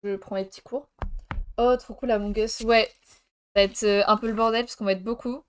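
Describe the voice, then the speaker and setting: A woman's voice: medium pitch, steady tone, a little fast, smooth. A young woman live-streaming from France, chatting casually with viewers and laughing while she jokes in mock Spanish.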